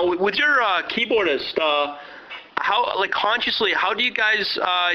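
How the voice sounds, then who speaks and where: A man interviewing a musician over a muffled speakerphone, asking halting questions full of restarts. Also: sits high. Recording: muffled lo-fi phone line, faint hiss.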